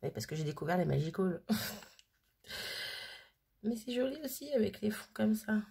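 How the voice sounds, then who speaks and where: A woman's voice: medium pitch, expressive, unhurried, creaky, a little mellow, slightly rough. A woman hosting a casual crafting video who chats and thinks aloud with plenty of fillers. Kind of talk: casual crafting tutorial chat.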